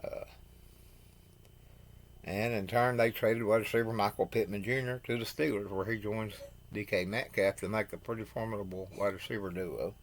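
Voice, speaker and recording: A man hosting a football news show, reading signings from his notes with halting pauses, stumbling over names and adding blunt opinions. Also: fairly low pitch, fairly even intonation. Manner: opinionated asides. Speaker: host.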